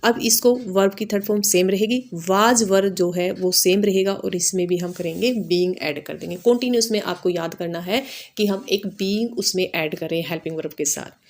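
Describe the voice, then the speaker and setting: Speaking like a grammar teacher, an Indian woman with a middle-pitched, darkish voice delivers a lesson at a moderate pace. She walks through each step instructionally, repeats the key points, and adds short tags to check that listeners follow.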